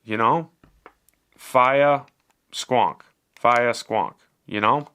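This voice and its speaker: A man's voice: medium pitch, extremely slow, sharp tone, smooth. A man giving a casual, chatty product review as he unboxes and shows a device, swearing now and then.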